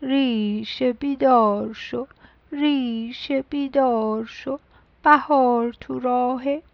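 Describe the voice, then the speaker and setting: A woman voicing a slow, sleepy little creature that lives under a tree, speaking softly. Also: sits high, steady tone, no echo, muffled recording. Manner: slow, soft and drowsy.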